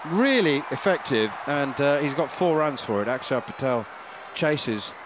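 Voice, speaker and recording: A man commentating live on cricket ball by ball, in short, halting phrases. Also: mid-range voice, big pitch swings. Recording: clear outdoor background noise.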